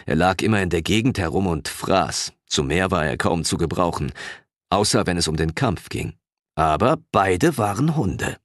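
A man narrating a fantasy audiobook in the first person, telling the story in an expressive, unhurried way. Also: deep voice, no echo, studio quality.

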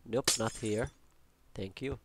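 This Minecraft building channel host, a young man with an Arabic accent, takes it slowly while commenting casually on his build in a mid-range voice. He's chatty and rambling, joking on the side and talking to himself, with background noise in the recording.

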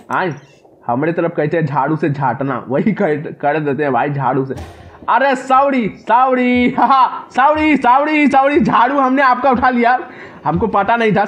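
A man's voice: a little high, muffled recording. A man doing comic horror gameplay commentary, yelping and repeating words in panic and talking back to the game characters. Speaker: gaming commentator.

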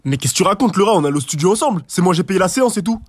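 A man's voice: high voice, lively intonation, very fast, no echo, studio quality. A man playing an exasperated, duped young friend. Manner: exasperated, complaining. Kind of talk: comedy sketch acting.

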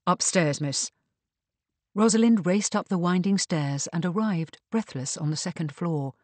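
A man reading a period mystery novel aloud in measured, even audiobook narration. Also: high voice, no echo.

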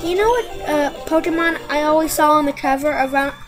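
A woman co-hosts a game playthrough in a high, brisk voice, joking and rambling casually. Game music plays behind her during the casual gameplay chat.

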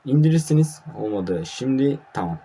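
At home at night, a young male mobile football gamer gives casual live commentary in a husky, mid-pitched, sing-song voice at normal speed. Sleepy and grumbling, he sounds tired and irritable, snapping at his team and breaking into frustrated shouts at his players.

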